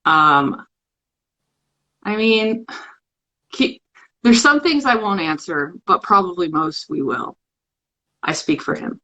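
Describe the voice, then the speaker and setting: A woman's voice: fairly low pitch, animated, takes it slowly, long pauses, bright, forceful tone, dull audio. A woman hosting a live poetry stream, chatty and playful as she runs a word game with viewers, speaking into a phone or webcam mic. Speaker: host of a live poetry show. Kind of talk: casual live-stream chat.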